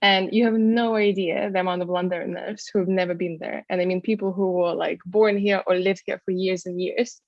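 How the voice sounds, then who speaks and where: A woman's voice: lowish voice, fairly even intonation, brisk, creaky, few pauses, no echo. Chatty young woman from ukraine, lots of ums and likes, dull dry lo-fi sound. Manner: chatty, many fillers like "um" and "like". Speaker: guest, travel content creator and tour guide. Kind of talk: casual interview conversation.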